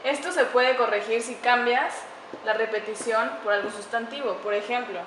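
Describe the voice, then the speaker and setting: A woman giving a class presentation on writing errors, slowing down carefully whenever she reads out an example sentence. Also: fairly high pitch, steady tone. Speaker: student presenter. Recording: echoey room with faint background noise.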